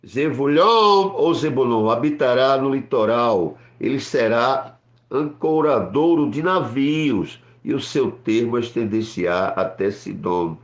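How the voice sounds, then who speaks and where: A man, a rabbi, teaching from scripture, explaining slowly and checking in with his listeners as he spells out words letter by letter. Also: mid-range voice, animated, roomy sound, lo-fi sound.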